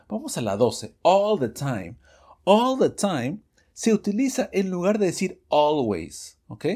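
A man teaching English phrases in a Spanish-language lesson podcast, lively and self-correcting, reading the example sentences slowly. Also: a little high, husky. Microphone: studio microphone, audio only.

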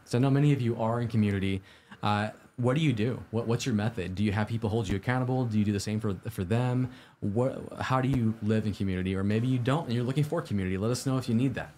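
Upbeat, lower-voiced man giving tidy advice. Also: fast talker, a little mellow, a little hiss or hum. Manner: informal, conversational, posing questions to the audience. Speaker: host of a live-streamed IT study show. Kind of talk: casual livestream advice talk.

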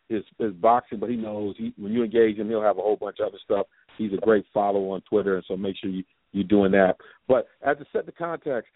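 A man's voice: on the low side, dry recording. A man hosting a sports podcast in a casual, rambling way, circling back over his phrases as he goes. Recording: dry, phone-like narrow sound.

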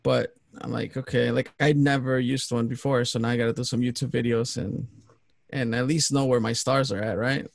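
Gravelly-voiced easygoing podcast co-host. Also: male voice, medium pitch, fairly even intonation, normal speed, no echo, studio quality. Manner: easygoing, filler-heavy. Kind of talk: casual podcast chat.

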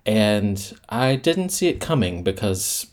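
A man's voice: fairly low pitch, very animated, takes it slowly, darkish tone. A man co-hosting a podcast in easygoing casual chat, laughing at himself. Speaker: podcast co-host.

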